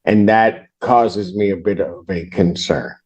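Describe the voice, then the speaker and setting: A man's voice: lowish voice, steady tone, unhurried, darkish tone, slightly rough, muffled recording. A man speaking formally as a judge in a courtroom, questioning and giving procedural rulings. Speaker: judge presiding over a court hearing.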